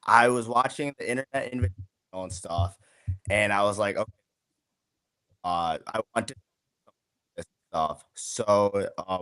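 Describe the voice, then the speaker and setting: Low-voiced man on a fading, choppy call. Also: fairly bright tone, clear, resonant tone, no echo. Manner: halting, many fillers and restarts. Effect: choppy remote call connection that fades in and out. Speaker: guest on a live stream. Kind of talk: casual chat.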